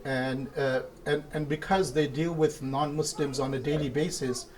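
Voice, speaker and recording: A man from India, an imam, answering interview questions in a measured way and laying out his points one by one. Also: fairly high pitch, fairly even intonation, darkish tone, a little hiss or hum. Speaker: imam of a mosque.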